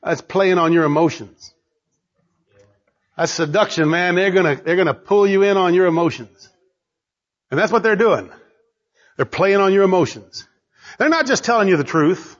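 A man preaching a sermon as pastor, swinging between loud exhortation and low asides. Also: normal speed, long pauses, muffled recording.

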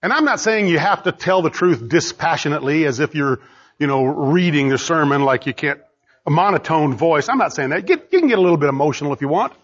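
A man preaching a sermon as pastor, swinging between loud exhortation and low asides. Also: animated, quick pace, highs cut off.

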